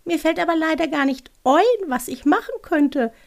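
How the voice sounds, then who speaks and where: A woman's voice: animated, normal speed, creaky. A woman doing a fretful little owl. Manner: high, hesitant, worried self-talk. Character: small anxious owl, young, dithering, talks to itself. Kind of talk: reading aloud from a children's book.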